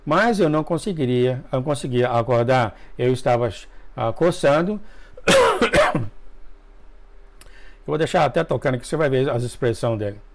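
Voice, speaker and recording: A man reading a dream testimony aloud to viewers, emotional, with asides, often coughing and clearing his throat. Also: medium pitch, sing-song, moderate pace, pauses often, a little hiss or hum. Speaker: religious video narrator.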